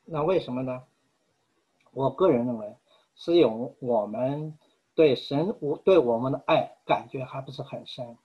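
A man preaching a sermon in an earnest, measured way, pausing often. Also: mid-range voice, breathy edge, muffled recording. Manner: earnest, measured, with frequent pauses.

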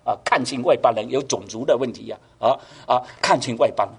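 A man's voice: mid-range voice, fairly quick, vocal fry, slightly rough. A man preaching a sermon, asking the congregation rhetorical questions and pushing his voice up for emphasis. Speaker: pastor.

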